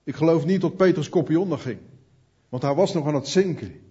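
A man's voice: a little high, a little fast, warm tone, slightly rough, muffled recording. A man preaching an earnest sermon, speaking directly to his listeners.

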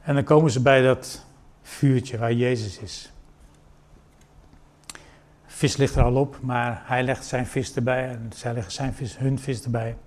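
A man preaching a sermon, retelling a scripture story and acting out the dialogue with lively emphasis. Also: mid-range voice, unhurried.

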